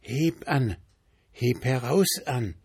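A man's voice: medium pitch, animated, slow pace, creaky, darkish tone, breathy edge, no echo, pitched above the performer's own voice, exaggerated voice. A man voicing a small ghostly spirit woman in whispered role-play, coaxing with insistent repetition. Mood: eerie coaxing.

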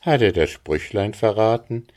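A man reading the part of a steady, thoughtful young farm lad who speaks earnestly, in a storybook reading. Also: lowish voice, natural voice. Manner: deliberate, earnest.

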